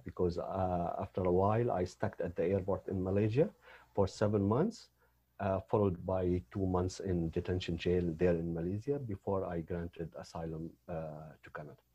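A man's voice: low-pitched, steady tone, normal speed, mellow, slightly rough, muffled recording. A man from Syria, telling his story as a guest, hesitant with many fillers and restarts. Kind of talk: personal story in an interview.

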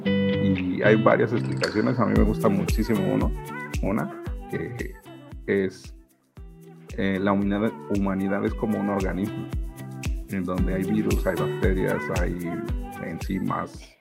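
A man's voice: fairly low pitch, steady tone, a little slow, creaky, pauses often, loud music behind the voice. A man from Mexico City with a Mexican accent, a podcast guest who talks in a reflective, hesitant way with many fillers. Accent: Mexican Spanish. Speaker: podcast guest, business mentor. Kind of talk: casual conversation.

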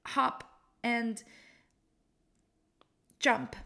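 A woman in her twenties hosts her own podcast, chatting casually and poking fun at herself, laughing often and filling her talk with likes and ums. Her voice is a little high with little pitch movement, and she speaks extremely slowly in a gravelly, pushed, bright tone.

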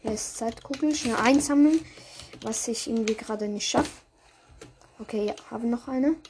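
A woman with a fairly high voice commentates her own video game play in a casual way. She reacts aloud in short bursts as she plays. Noise and keyboard clicking sit behind her voice. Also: moderate pace, darkish tone. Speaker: gamer commentating own gameplay. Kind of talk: casual live gameplay commentary.

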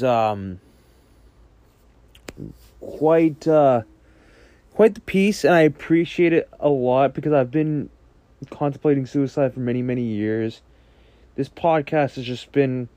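A male podcast host talks alone in a solo monologue, earnest and a little halting, often restarting his sentences. His voice is dark and mellow, sitting at an ordinary pitch. The sound is dry and close, with no room echo.

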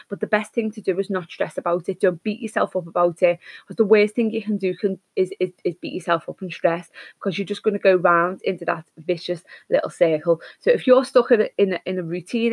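A woman's voice: mid-range voice, no echo. A woman hosting an advice episode, talking to listeners in an upbeat, encouraging way as she sets out tidy tips. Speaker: podcast host.

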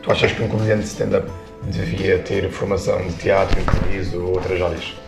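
A man's voice: sits low, level tone, fairly quick, vocal fry. A man with a European Portuguese accent interviewing a guest, asking long framed questions. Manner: asks long framed questions, brief agreements. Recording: roomy with music behind.

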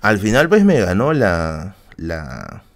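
A man's voice: deep voice, huge pitch swings, slow. A man with a Peruvian accent telling a personal anecdote on a live stream, casual and slangy, with many fillers and asides to the audience. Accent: Peruvian Spanish.

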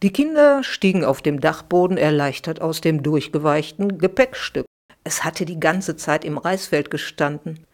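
A middle-aged woman, a children's author, reading her own bedtime story aloud for a podcast in a lively, expressive way. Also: low-pitched, moderate pace, slight background noise.

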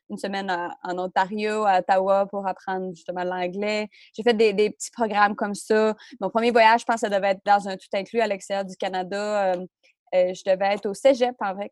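Québécoise woman in her thirties, mid-pitched, hesitant guest, close dry recording. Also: darkish tone, dry recording. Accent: Québécois French. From Quebec. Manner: hesitant, many euhs, laughs often. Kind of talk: casual interview.

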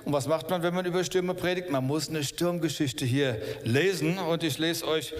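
A man's voice: on the high side, normal speed. A man preaching a sermon at a church service, talking conversationally and checking in with "okay?" and "ja?". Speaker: pastor. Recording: long reverb of a church hall.

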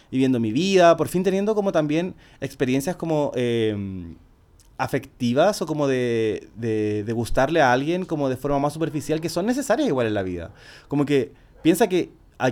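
Slangy young Chilean man telling a story. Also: mid-range voice. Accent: Chilean Spanish. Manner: slangy, animated, acts out quoted speech. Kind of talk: casual storytelling chat.

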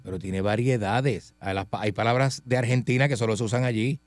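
A man's voice: mid-range voice, fairly even intonation, brisk, dry recording. A man as the sidekick on a talk radio show, deferential and easygoing as he argues with his boss. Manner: deferential, says "patrón", laughs a lot. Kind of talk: comedic talk radio banter.

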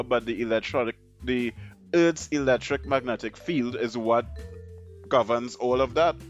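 A man's voice: medium pitch, highs cut off. A man hosting a solo podcast, ranting bluntly and rambling through his opinions. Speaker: podcast host.

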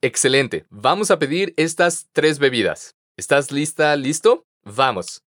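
Lively, encouraging man teaching. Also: on the high side, no room sound, clean studio sound. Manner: patient, encouraging, models words slowly for repetition. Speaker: pronunciation teacher. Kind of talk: podcast language lesson.

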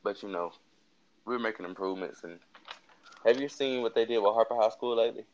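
Tired, very deep-voiced young man. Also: highs cut off. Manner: laid-back, hedging, unhurried. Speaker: co-host. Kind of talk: casual late-night chat.

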